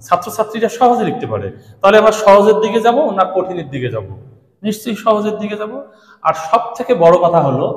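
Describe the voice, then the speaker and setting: A man teaching students, explaining patiently and repeating sounds slowly. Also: high-pitched. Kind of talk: classroom lesson to students. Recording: echoey room with long reverb.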